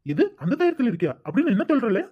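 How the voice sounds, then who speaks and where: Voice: mid-range voice, big pitch swings, rapid-fire, breathy edge. A voice actor playing a protective, caring elder brother in a cartoon, coaxing and soothing. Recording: dull lo-fi recording.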